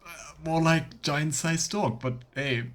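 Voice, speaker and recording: A streamer with a slightly high voice takes his time as he plays a fantasy game, reading its lines out and commenting casually in let's-play style.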